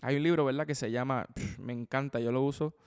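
Drum teacher a resonant voice. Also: male voice, medium pitch, fairly even intonation, fast talker, clean tone. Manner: explains with frequent "ok?" and "¿verdad?" checks, counts sticking aloud. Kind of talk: instructional video lesson. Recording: long hall reverb.

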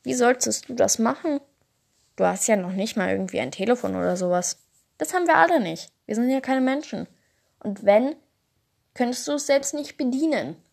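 A woman's voice: a little high, expressive, moderate pace, creaky, darkish tone, pitched above the performer's own voice. A woman doing the mocking little fire lizards. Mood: scoffing. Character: group of small mocking fire lizard creatures.

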